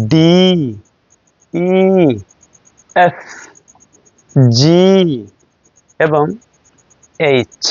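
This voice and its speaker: A man with a Bangladeshi accent teaching English letter pronunciation, repeating each letter slowly in a classroom style. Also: fairly high pitch, darkish tone, no echo. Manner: slow, drilling letters one by one. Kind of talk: classroom lesson. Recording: dull, dry sound.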